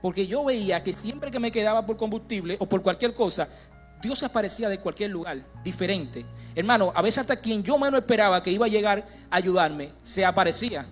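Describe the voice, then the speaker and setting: A young man with a notably high voice preaches in a church, telling his story in a loose, conversational way. He breaks off and restarts often and speaks straight to the people in the pews. Soft music plays faintly underneath. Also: lively intonation, fairly quick. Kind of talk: sermon. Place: church sanctuary.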